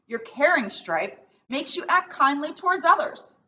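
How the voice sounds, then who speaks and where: Gentle, reassuring storybook zebra mum voiced by a woman, lively and bright, a bit far from the mic. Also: high-pitched, measured pace, pitched above the performer's own voice, full character voice. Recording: distant mic, dull sound, faint noise.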